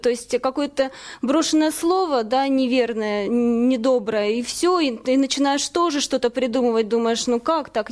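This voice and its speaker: A woman's voice: a little high, darkish tone. A woman in a conversational studio discussion, somewhat hesitant as she searches for her words. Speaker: radio co-host or studio guest.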